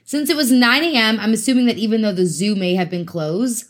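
A South African woman with a slightly high voice speaks briskly as host of a casual true crime podcast. Her style is chatty and giggly, sprinkled with teasing asides.

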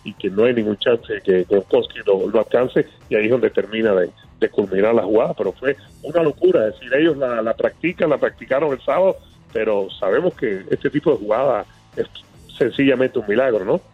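Animated male analyst on a tinny phone line. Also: medium pitch, brisk, husky, soft background music. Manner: animated storyteller, frequent fillers and restarts. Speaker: team analyst, guest on phone. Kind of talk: excited phone interview.

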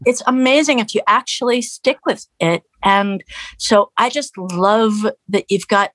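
Here the guest musician, a middle-aged woman from Canada who grew up in Los Angeles, speaks at an unhurried pace with a medium-pitched voice, and the recording is dry. The interview is conversational, and she's lively, full of fillers and false starts, quoting people in a raised voice.

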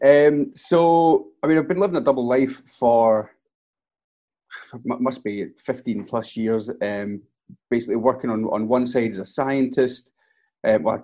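A man's voice: mid-range voice, mellow. A middle-aged man with a broad Scottish accent, chatting casually as an interview guest. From Scotland. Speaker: interview guest, scientist and kayaking coach.

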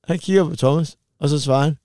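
A man's voice: a little high, dark tone, no echo, clean studio sound. A man co-hosting a comedy podcast, chatting casually and acting out quoted voices in his anecdotes. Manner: acts out quoted voices in storytelling.

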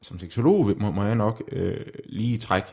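A man with a somewhat low voice in deadpan comedic banter. He plays a mock sexologist and trips over his words, restarting phrases and trailing off. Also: vocal fry. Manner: hesitant, halting with many restarts. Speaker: comedy guest playing a sexologist.

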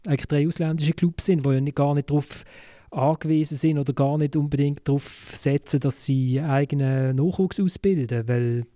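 A man with a Swiss German accent in a casual discussion, posing questions and haltingly thinking aloud. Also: on the high side, mellow, no echo, clean studio sound. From Switzerland, Basel. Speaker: football talk show panellist posing questions.

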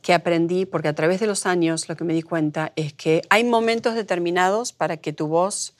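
A middle-aged woman from Argentina with an Argentine accent, a guest telling lively stories in an interview and acting out the voices she quotes. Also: on the low side, a little fast. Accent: Argentine Spanish. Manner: animated storyteller, acts out quoted voices. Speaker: guest, producer. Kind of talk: conversational interview.

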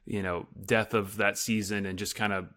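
A man's voice: fairly low pitch, flat delivery, moderate pace, fairly bright tone. A man in his thirties hosting a podcast, asking long, rambling questions full of fillers. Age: 30s. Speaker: podcast host. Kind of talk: casual podcast interview.

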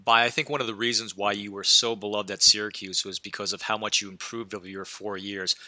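A man's voice: lowish voice, little pitch movement, a little fast, bright, forceful tone, no room sound. A man hosting a podcast, asking polished, prepared questions of a guest. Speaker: podcast host. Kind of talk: scripted interview questions.

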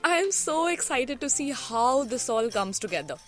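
A high-pitched woman with a North Indian accent co-hosts a cooking show. Her talk is scripted yet casual and expressive, flipping between Hindi and English, with light music underneath. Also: normal speed. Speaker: co-host of a cooking podcast.

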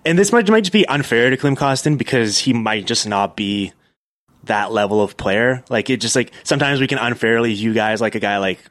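A man hosting a casual sports podcast chat, talking quickly with lots of filler words. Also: medium pitch, a bit bright, no room sound. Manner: fast, chatty, filler-heavy. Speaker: podcast host.

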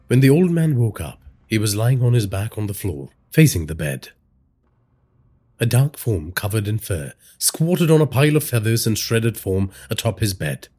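Brief: a male horror storyteller with a husky voice and dramatic delivery. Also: on the low side, normal speed. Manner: dramatic storytelling with lively inflection. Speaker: narrator. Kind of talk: scripted horror narration.

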